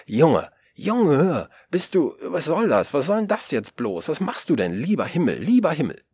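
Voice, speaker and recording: A man voicing a gruff old drunken vagrant who stammers and repeats himself in an audiobook. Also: fairly low pitch, fairly quick, no room sound. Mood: agitated. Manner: agitated, shouting, stammering repeats. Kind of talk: audiobook dialogue.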